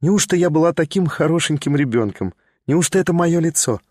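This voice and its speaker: An impulsive young woman, quick to blush and eager to talk, as a male reader puts her on for an audiobook. Her voice sits noticeably higher and keeps tumbling into excited exclamations. The recording is dry and close. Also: no room sound. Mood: wistful. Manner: excited, rushing, emotional exclamations. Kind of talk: audiobook character voice.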